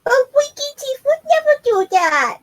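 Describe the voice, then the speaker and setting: A game master voicing a tiny, pleading female rat-folk girl who talks in a squeaky, childlike way with broken grammar. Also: sing-song, moderate pace. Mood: upset pleading. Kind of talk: tabletop game character voice.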